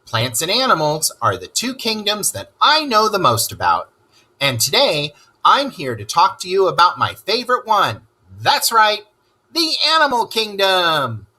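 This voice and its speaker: Using a full character voice that is fairly high, bright, forceful, and husky, a man reads a children's lesson as a cheerful rat who travels the world and knows all about animals. He teaches eagerly and keeps asking the kids questions, though the audio is poor.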